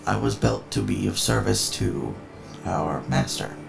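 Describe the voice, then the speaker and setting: A man putting on a monotone servant construct. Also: lowish voice, a little slow, gravelly, pitched below the performer's own voice. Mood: dutiful. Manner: flat, stiff and formal. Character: servile Warforged construct, monotone. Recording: background music.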